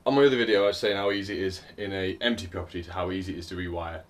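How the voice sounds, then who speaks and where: Talking at a racing speed, a man with a low-sitting voice and fairly even intonation narrates his electrical work in a house being rewired. The indoor vlog is casual, dry, and chatty, explaining as he goes, and he's winded now and then.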